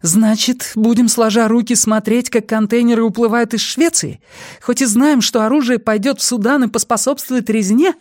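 A man's voice: high voice, lively intonation, brisk, no echo, pitched above the performer's own voice. A man voicing a fiery young woman agent, heated and raised. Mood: furious. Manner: urgent, heated, close to shouting. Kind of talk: audiobook character voice.

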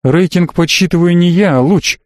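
A man voicing a defiant, sharp-tongued girl. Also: lowish voice, moderate pace, dry recording, clean studio sound, voice pushed up, natural voice. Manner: scornful, clipped retorts. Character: tough defiant young woman, sharp-tongued.

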